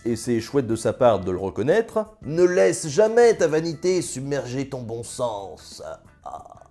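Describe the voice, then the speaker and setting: A man narrating history with an ironic, joking, colloquial touch. His pitch swings widely while the tone stays mellow and slightly husky. Faint music plays underneath. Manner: ironic, jokey, colloquial storytelling. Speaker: history video presenter. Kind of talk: scripted casual narration.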